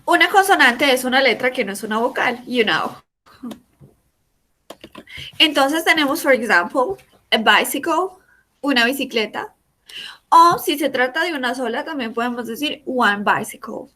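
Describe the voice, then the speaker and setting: A woman's voice: sits high, expressive, unhurried, long pauses, pushed and bright, a little hiss or hum. A woman teaching a class online through a video call, explaining patiently step by step and repeating examples. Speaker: English teacher.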